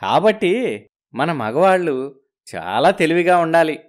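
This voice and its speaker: A man with a slightly high, sing-song voice speaks a little slowly and earnestly. He plays a genial, food-loving brother-in-law from a village in a moral story, effusive and full of exclamations.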